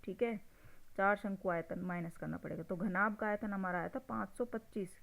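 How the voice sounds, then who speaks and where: A woman's voice: medium pitch, steady tone, a little fast, gravelly, a bit bright. A woman teaching a maths lesson, patiently working through a problem step by step and answering her own questions. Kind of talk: explaining a solved exam problem.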